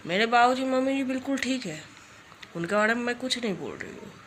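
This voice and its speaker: A woman's voice: fairly high pitch, expressive, brisk, a bit bright, a little hiss or hum. A young woman vlogger speaking straight to camera, scolding someone in a confrontational tone and repeating her warnings. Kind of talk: direct-to-camera rant vlog.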